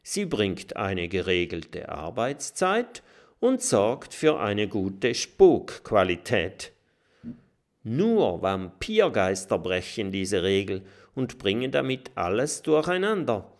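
A man's voice: fairly low pitch, big pitch swings, slow, exaggerated voice. A man voicing a grown male badger who explains things in an emphatic storytelling tone. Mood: explaining.

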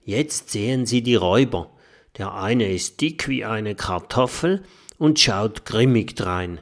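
A man narrating a children's storybook in an expressive storytelling manner. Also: on the low side, takes it slowly. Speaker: audiobook narrator.

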